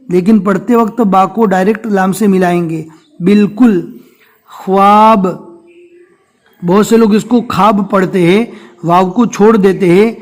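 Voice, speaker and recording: A man teaching Urdu reading step by step, patiently explaining each word and repeating it slowly. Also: sits high, darkish tone.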